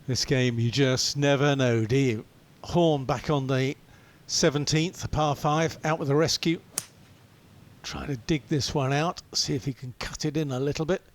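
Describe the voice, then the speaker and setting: Golf commentator, male, mid-pitched, chatty and analytical, fond of rhetorical questions. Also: fairly even intonation, moderate pace.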